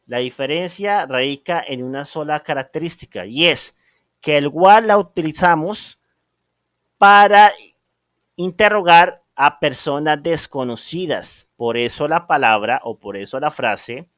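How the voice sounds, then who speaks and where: Male english teacher, emphatic, slow deliberate pace, slightly high voice, dry close sound. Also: no room sound. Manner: animated, emphatic, slows down and stresses English example phrases. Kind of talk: video lesson.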